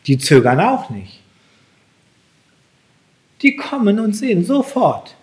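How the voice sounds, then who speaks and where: Male preacher, sermon, slow deliberate delivery, somewhat high voice, emphatic climbs on key phrases. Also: huge pitch swings, a little mellow.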